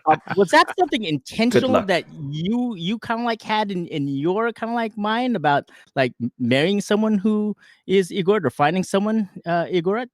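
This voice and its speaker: Relaxed American man co-hosting a chat. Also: high voice, fairly quick, few pauses, no echo, clean studio sound. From United States. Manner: relaxed, loose with many fillers. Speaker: podcast co-host. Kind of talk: casual chat.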